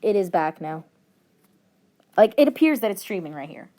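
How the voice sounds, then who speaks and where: A woman's voice: mid-range voice, sing-song, normal speed, dark tone. A woman chatting casually on a drawing stream, goofy and jokey, tossing in movie quotes. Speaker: co-host on stream.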